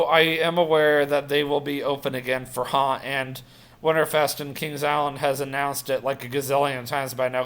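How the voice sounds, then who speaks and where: A man's voice: medium pitch, a bit bright, clear, resonant tone. A man in his late twenties rambling through a casual personal vlog update, full of fillers and self-corrections. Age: 20s. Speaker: vlogger.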